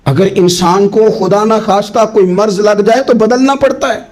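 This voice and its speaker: A middle-aged male preacher with a somewhat high voice delivers a sermon. He repeats pleading refrains, climbs sharply in pitch through rhetorical runs, then sinks low and soft. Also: steady tone. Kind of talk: Urdu sermon.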